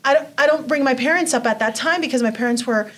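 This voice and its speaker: A woman in her forties from Mexico, being interviewed, tells her life story in a high, slightly bright voice at a quick pace. She's casual and chatty, using lots of fillers like "you know" and "like."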